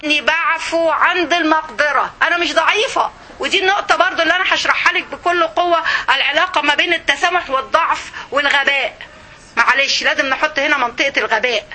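A middle-aged woman with an Egyptian accent giving an informal religious lesson, lively and conversational, speaking straight to her listeners. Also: sits high, quick pace. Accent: Egyptian Arabic. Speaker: religious teacher.

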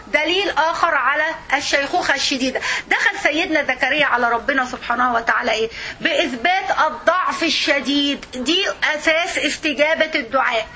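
Quick, bright Egyptian woman teaching. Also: high voice, a little hiss or hum. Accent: Egyptian Arabic. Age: older. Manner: conversational and emphatic, checks in with listeners. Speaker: religious teacher. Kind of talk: religious lesson.

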